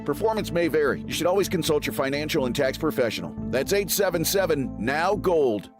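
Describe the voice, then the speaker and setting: A man reading a scripted radio advertisement as an urgent sales pitch. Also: expressive, fairly quick. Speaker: ad announcer. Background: music bed.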